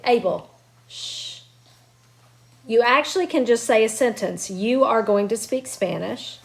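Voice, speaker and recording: A woman teaches Spanish grammar in a recorded remote lesson from her home, children nearby, patiently breaking things down and cheering her students on. Her voice is on the high side and creaky, at normal speed, with a little hiss or hum.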